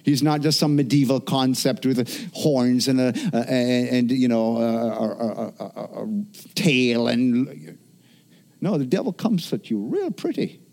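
A man's voice: medium pitch, measured pace, vocal fry, a little mellow. Earnest middle-aged male pastor preaching. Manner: earnest, with frequent restarts and repeated words. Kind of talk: sermon.

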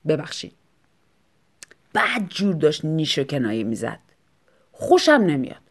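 A woman narrating a short story in the first person, in a measured, low-key storytelling manner. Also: very animated. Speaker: audiobook narrator.

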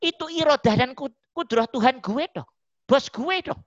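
A woman's voice: high-pitched, normal speed, no echo, pitched above the performer's own voice, close to an everyday voice. Woman doing a brash mocking talking dog. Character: cocky street-smart talking dog, scolding a scholar. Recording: dull, muffled recording.

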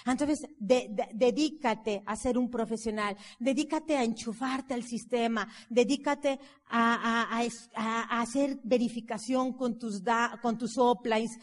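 A woman's voice: on the high side, steady tone, a little slow. Emphatic woman in a reverberant hall. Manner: emphatic, builds up through repeated phrases. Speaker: network marketing speaker. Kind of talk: motivational seminar talk. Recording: long hall reverb from a live talk.

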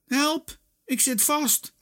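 Reader putting on a grumpy portly neighbour, shouting, strained and high, husky. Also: male voice, big pitch swings, unhurried, exaggerated voice. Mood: panicked. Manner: shouting, indignant. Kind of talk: storybook read-aloud.

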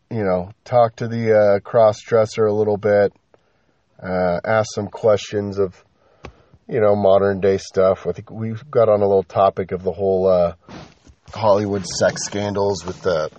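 A podcast host tells a story in a loose, rambling way, swearing and filling gaps with lots of fillers. His voice is lowish and mellow with no echo, and the lo-fi recording sounds slightly dull with faint noise.

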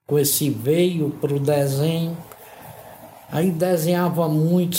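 An artist and modeler from Ceará, Northeast Brazil, now in his 60s, unhurriedly recounts his life story as an interview guest. He is thoughtful and measured, peppering his speech with "né?". The fairly high, mellow voice comes with slight background noise and a roomy echo.

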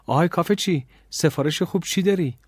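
A bold, hot-tempered girl from an audiobook, as a male narrator puts her on. She shouts and snaps at a high pitch. The close studio recording is dry, with no room sound. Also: husky, dry recording. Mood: sharp. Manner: snappish, shouting, raised pitch. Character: fiery, bold teenage girl with a sharp tongue. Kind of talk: storytelling audiobook.

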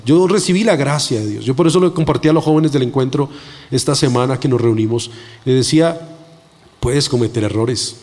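A man's voice: medium pitch, darkish tone. A male preacher giving an earnest, emphatic sermon with personal testimony, acting out the quoted voices, in a church. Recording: long echo of a large hall.

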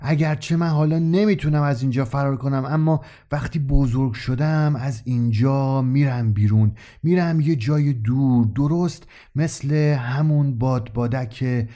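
A man's voice: mid-range voice, few pauses, dark tone. A man narrating a scripted story in the first person, speaking as a child.

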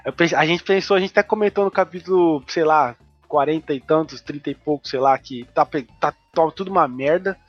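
A man's voice: on the high side, a little fast, breathy edge. A man with a Brazilian Portuguese accent hosting a podcast in a joking, rambling casual chat. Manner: joking, rambling, restarts often. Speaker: podcast host. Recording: dull lo-fi sound, faint music.

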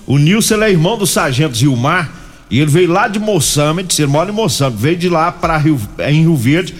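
A man's voice: a little high, expressive, a little fast. A Brazilian man hosting a radio show with casual banter. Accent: Brazilian Portuguese.

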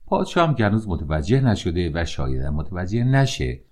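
A man voicing the vizier's calm wife as she persuades her husband. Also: sits low. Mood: pleading.

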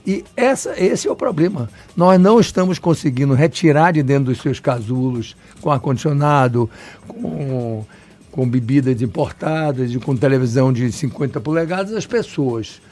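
An urban planner from Salvador, Bahia, Brazil, speaks Portuguese with a Bahian accent, giving long, emphatic interview answers that digress and restart. He is talkative, with a mid-range, slightly mellow voice, lively intonation and normal speed.

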